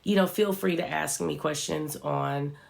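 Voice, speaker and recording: Speaking at a measured pace in a creaky mid-range voice, this vlogger sounds congested with a cold. The talk is earnest and reflective, motivational in tone, delivered straight to the audience with fillers such as "right" and "you know."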